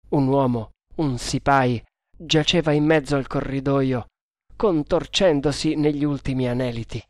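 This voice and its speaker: A man giving a dramatic, measured reading of an adventure novel as narrator. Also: medium pitch, no room sound, clean studio sound. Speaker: audiobook narrator. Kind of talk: scripted narration.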